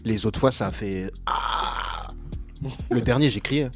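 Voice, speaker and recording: A man chatting casually with friends, talking in a low-key, mumbled way. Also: slow, a bit bright, faint music behind.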